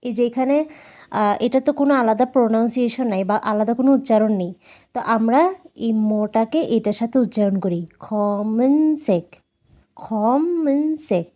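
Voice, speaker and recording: Speaking with a Bangladeshi Bengali accent, this woman runs a relaxed video lesson on Korean vocabulary, slowly repeating every word so learners can practice. She sounds a little high and mellow.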